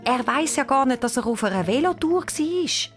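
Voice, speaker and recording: A woman's voice: animated, normal speed, faint music behind. Woman doing a frantic Swiss schoolgirl. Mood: determined. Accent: Swiss German. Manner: breathless, high, urgent shouts. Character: excited anxious schoolgirl Cheyenne, about ten.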